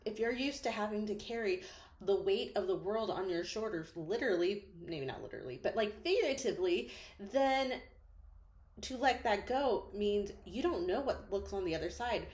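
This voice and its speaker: Woman, therapist, reflective solo talk, gently questioning, echoey room. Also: mid-range voice, expressive, moderate pace. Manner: thoughtful, gently questioning, frequent "like" fillers. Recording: roomy echo.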